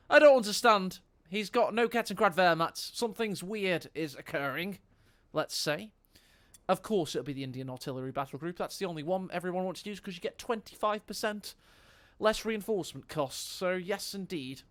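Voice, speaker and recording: His voice sits high, expressive and fairly bright, at a normal speed as he casts a live strategy game on stream. The esports caster jokes around playfully and talks right to his viewers.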